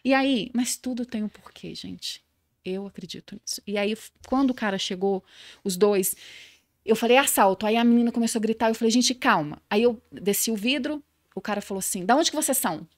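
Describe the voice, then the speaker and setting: Podcast guest: a fast, lively woman with a Belo Horizonte accent, dry recording. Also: on the high side, no echo. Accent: Belo Horizonte Brazilian Portuguese. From Belo Horizonte, Brazil. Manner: animated, acts out quoted voices. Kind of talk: casual personal storytelling.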